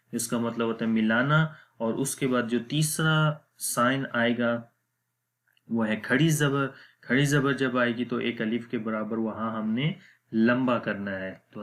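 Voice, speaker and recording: A man's voice: medium pitch, steady tone, fairly bright tone. A man teaching Quran reading rules, explaining each step patiently and repeating them plainly. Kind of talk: step-by-step tajweed lesson.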